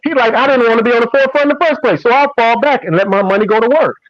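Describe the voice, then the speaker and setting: Fast-talking man in his fifties, repeating himself. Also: extremely high pitch, dull audio. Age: 50s. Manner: talks over others, repeats phrases. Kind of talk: heated group debate.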